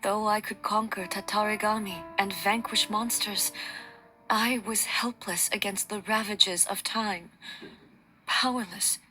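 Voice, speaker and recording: A woman playing a regal, immortal warrior goddess and shogun in a video game, speaking in a formal, grave, measured way. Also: medium pitch, fairly even intonation, lightly acted. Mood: reflective, regretful. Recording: music behind the voice.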